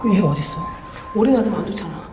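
Woman medium, night exploration vlog, exclamatory repeated phrases, off-mic, music loud behind. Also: medium pitch, animated, very fast. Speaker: spirit medium guide. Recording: echoey room, distant mic, loud music.

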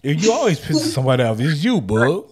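Teasing podcast man with a lively voice. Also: on the high side, fast, breathy edge. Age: late 30s. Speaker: podcast co-host. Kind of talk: casual banter on a call-in podcast.

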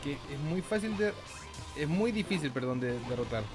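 Commentating on gameplay for his YouTube channel, a Chilean-accented man speaks at normal speed in an expressive, higher-pitched voice. He's playful and jokey, swearing, singing bits and adding silly effects while game music runs underneath.

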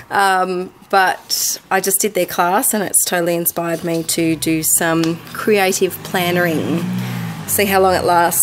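A woman's voice: on the low side, slight background noise. An Australian woman chatting casually in a craft haul video, enthusiastic and full of ums as she shows her purchases. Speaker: craft vlogger.

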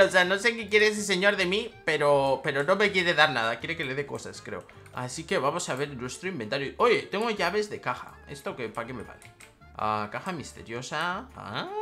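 A young woman, a gaming YouTuber with a very deep voice and a Spain Spanish accent, delivers excitable gameplay commentary. She swings from loud shrieks to muttered asides.

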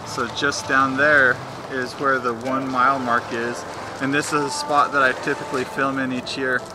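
A man's voice: mid-range voice, flat delivery, moderate pace. Chatty man vlogging outdoors, noisy background. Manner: chatty, jokey, narrating while walking. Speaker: filmmaker documenting a race. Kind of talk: casual vlog narration. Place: outdoors at a rainy race course. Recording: noisy outdoor ambience with traffic.

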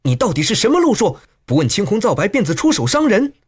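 A man's voice: on the high side, very animated, a little fast, husky. Fiery young swordswoman, as a man puts her on. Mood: scolding. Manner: sharp, scolding, quarrelsome.

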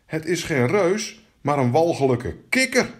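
A man's voice: on the high side, sing-song, measured pace, voice pushed up. A man voicing a spoiled, fearful young princess in a fairy tale, stammering and whiny. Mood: pleading.

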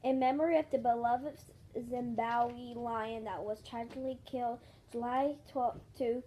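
Chatty high-voiced girl, noisy bedroom phone recording. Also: steady tone, normal speed, mellow. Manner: chatty, giggly, restarts often. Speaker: vlog host. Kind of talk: casual haul video chat. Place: small bedroom indoors. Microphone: handheld phone camera close up.

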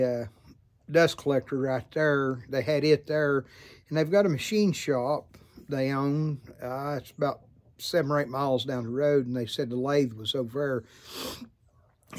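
A man in his fifties with an American Southern accent, chatting to camera in an unhurried, folksy, rambling way. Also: medium pitch, darkish tone. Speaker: vlogger and hobby pipe maker. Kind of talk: casual chat to camera. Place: outdoors by a farm field.

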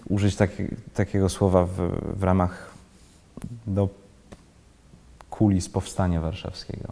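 Guest actor, 30s man, low dark gravelly voice, halting delivery, reverberant room. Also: level tone. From Switzerland. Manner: halting, searching for words, many restarts. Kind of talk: casual interview talk. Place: indoor library room with bookshelves, seated in armchair.

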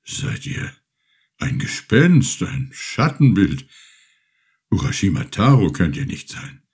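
A man voicing a bent, frightened very old male villager who asks slow, halting questions. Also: low voice, sing-song, a little mellow, breathy edge, heavily acted.

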